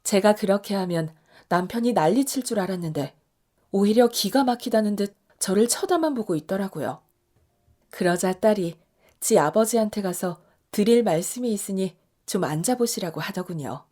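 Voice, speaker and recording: A woman's voice: medium pitch, lively intonation, normal speed, warm tone. A woman in her fifties narrating a first-person radio story in an emotional, confiding way.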